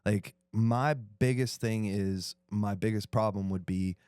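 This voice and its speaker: A man's voice: on the low side, fairly even intonation, slow pace, darkish tone, clear, resonant tone, dry recording, clean studio sound. A man co-hosting a casual group podcast, enthusiastic and full of slang. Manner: enthusiastic, slangy, calls people dude. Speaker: podcast co-host.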